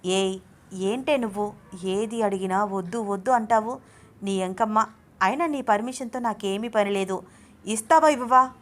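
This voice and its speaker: A woman's voice: medium pitch, moderate pace, long pauses, a bit bright, natural voice. Teasing, pushy young husband, read by a woman in a storybook; coaxing tone, ordinary talking voice. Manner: teasing, coaxing, calls his wife babe. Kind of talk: storybook reading.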